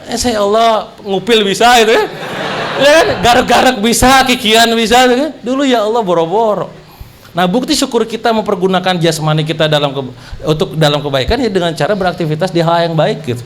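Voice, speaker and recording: Brief: young man, high voice, animated storytelling speaker at a religious talk, joking straight at the audience. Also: brisk, slight background noise. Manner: animated, jokey, addresses audience directly.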